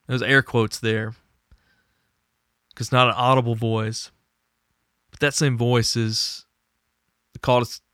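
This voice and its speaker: A man's voice: mid-range voice, bright, forceful tone, clear, resonant tone, no room sound, studio quality. A man who hosts a faith podcast and was once a pastor, speaking in an earnest, conversational monologue with small restarts. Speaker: podcast host and former pastor.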